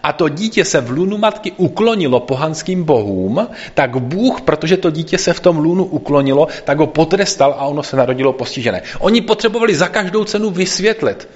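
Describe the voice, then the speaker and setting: A man's voice: on the high side, expressive, hardly any pauses. A man reading a scripture passage aloud and then explaining it in a conversational sermon, in a slightly dull recording. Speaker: preacher.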